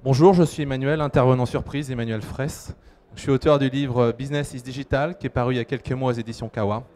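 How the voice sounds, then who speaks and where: A man introducing himself on a panel in a brisk, light way. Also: mid-range voice, steady tone, darkish tone. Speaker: panelist, author.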